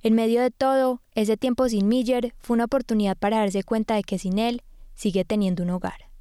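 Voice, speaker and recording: A woman reading scripted documentary narration in a measured, composed way. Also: on the high side, steady tone, warm tone, clean tone, no echo.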